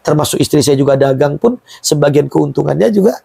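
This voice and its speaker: A man's voice: a little high, expressive, fast talker, creaky, warm tone, husky, dry recording. A middle-aged man founding a Quran museum and boarding school, telling his story in an emphatic, emotional way during an interview.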